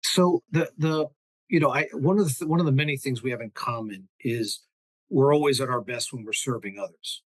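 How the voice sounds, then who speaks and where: A man's voice: mid-range voice, a little fast, no echo. A man hosting a podcast interview, rambling and casual, with many restarts. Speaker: podcast host.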